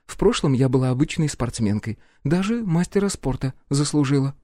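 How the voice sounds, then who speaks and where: A man voicing a calm, teasing young woman, a former sport shooter. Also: mid-range voice, brisk, dry recording, studio quality, pitched above the performer's own voice, lightly acted. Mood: wry, calm.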